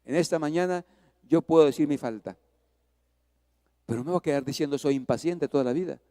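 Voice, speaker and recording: Pastor preaching, high voice, big echoey church, goes from hushed to loud. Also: male voice, a little fast. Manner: preaching with swings from hushed to loud, acting out an anecdote. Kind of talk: sermon.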